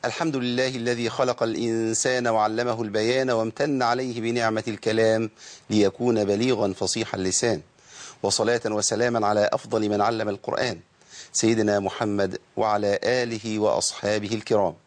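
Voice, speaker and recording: A man with an Egyptian accent teaching Quranic recitation rules, explaining casually and chanting verse text slowly. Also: lowish voice, little pitch movement. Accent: Egyptian Arabic. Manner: switches between colloquial explanation and slow melodic chanting.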